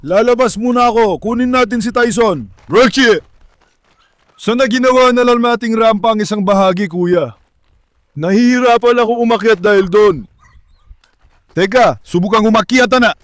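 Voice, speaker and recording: A man's voice: sits high, normal speed, dry recording, studio quality. A man vlogging casually from his backyard pool, coaxing and calling his dogs with affectionate talk to them and his viewers. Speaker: vlogger and dog owner.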